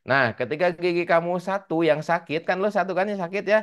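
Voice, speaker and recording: A man voicing a male religious teacher who gently questions a student. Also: sits high, a little fast, clean tone, voice pushed up. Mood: coaxing. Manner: coaxing, questioning.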